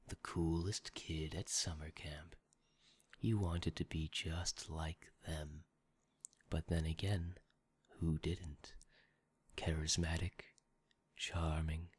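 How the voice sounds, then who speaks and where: Man as a very deep, gravelly soft-spoken devil, ASMR role-play. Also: exaggerated voice. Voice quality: gravelly, husky, breathy. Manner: theatrical, ornate, alliterative, savoring each word. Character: sly, gloating shoulder devil, weary office-worker of sin.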